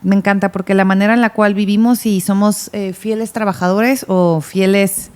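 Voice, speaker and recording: A woman's voice: mid-range voice, fairly even intonation, moderate pace, a little mellow, clean tone. A woman co-hosting a casual Bible discussion podcast, who talks earnestly, reads from her notes and repeats words as she starts a thought. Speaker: podcast co-host.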